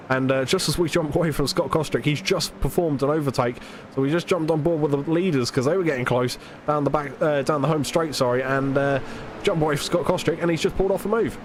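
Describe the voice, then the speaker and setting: A British man with a mid-range voice commentates alone on a live sim race, his voice a bit stuffed up from hay fever. He's chatty and self-deprecating, delivering quick play-by-play full of fillers. There's a little hiss or hum.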